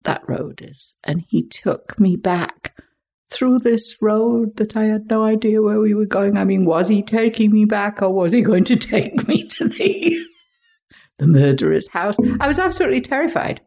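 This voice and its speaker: Older woman from England, husky gravelly voice, expressive storyteller, hushed at tense moments. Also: mid-range voice, moderate pace. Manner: expressive, dropping to hushed tones for suspense. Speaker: guest. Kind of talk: vivid childhood storytelling.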